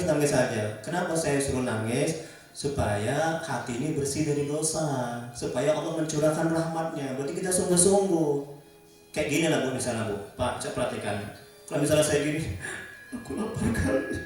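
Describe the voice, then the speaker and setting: A man preaching and counseling a small congregation in a gentle, repetitive way, often asking his listeners questions. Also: fairly high pitch. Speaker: Islamic preacher leading a ruqyah session. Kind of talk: religious counseling talk to a congregation. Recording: echoey room, distant mic, faint music.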